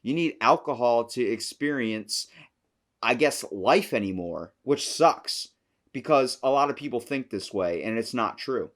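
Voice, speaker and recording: A man hosting a podcast in casual chat, excitable and slangy, calling his guest dude. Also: medium pitch, measured pace. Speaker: podcast host.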